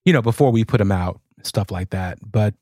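Male podcast host, fairly low voice, casual chat, dry recording. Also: fairly quick, a little mellow, no echo.

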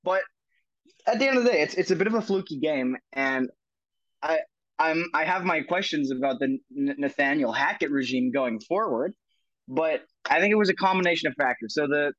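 A young man co-hosts a casual football podcast, arguing animatedly and stammering through lots of restarts. His voice is fairly high and fairly bright, at a moderate pace. The sound is dull, dry and lo-fi, with no echo.

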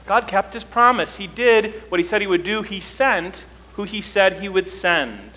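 Male pastor, bright higher voice, long church reverb, conversational preaching. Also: animated, moderate pace. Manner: conversational preaching, rising emphasis. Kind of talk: sermon. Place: church sanctuary.

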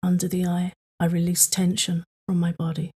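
Soft, breathy woman guiding calm tapping. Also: fairly low pitch. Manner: slow, soothing, repetitive prompts. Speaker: tapping guide. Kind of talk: guided tapping meditation for sleep.

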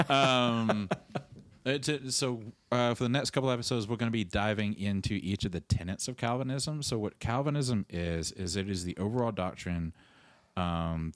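A man's voice: fairly low pitch, no echo. A man co-hosting a podcast in casual chat, wry and joking, laying out the topic plainly. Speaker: podcast co-host.

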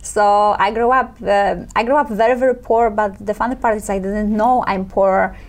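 A woman with a Polish accent talks as a guest in a casual interview. She laughs often between her sentences and hesitates with many fillers, searching for her words. Her voice sits in a middle pitch. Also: fairly even intonation, normal speed. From Poland. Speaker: guest entrepreneur.

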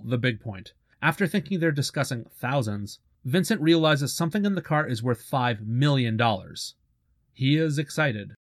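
A man's voice: medium pitch, no room sound, studio quality. A man recapping a movie plot in a casual commentary, with wry sarcastic asides. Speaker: movie reviewer.

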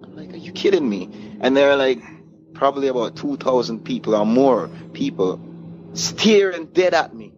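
With a medium-pitched, expressive voice at normal speed, the Caribbean man, a guest DJ, recounts casual anecdotes in an interview and performs the conversations he describes. The noisy room recording comes through muffled.

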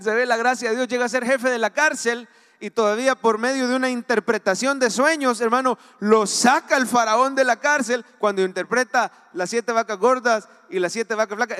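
High-voiced Salvadoran preacher in a reverberant hall. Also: male voice, fairly bright tone, smooth. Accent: Salvadoran Spanish. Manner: preaching with rising and falling emphasis, rhetorical questions to the congregation. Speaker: pastor. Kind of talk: sermon.

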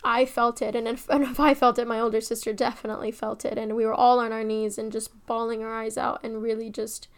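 A young woman telling a personal family story, emotional and shifting between hushed and excited. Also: fairly high pitch, brisk, few pauses. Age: young adult.

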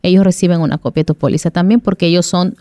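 A woman's voice: lowish voice, fairly even intonation, fast talker, mellow. A woman speaking as an insurance agent guest on a radio call-in show, explaining things patiently. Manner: explanatory, patient, repeats "como les digo".

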